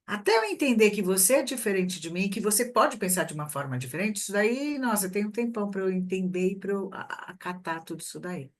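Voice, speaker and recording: A middle-aged woman, a guest expert, talks through workplace communication in a relaxed interview, explaining her ideas with everyday examples. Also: mid-range voice, fast talker, few pauses. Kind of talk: conversational interview.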